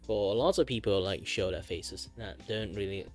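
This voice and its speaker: A man hosting a livestream with casual chat in an animated anime-streamer manner. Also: on the low side, normal speed, soft background music. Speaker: streamer host.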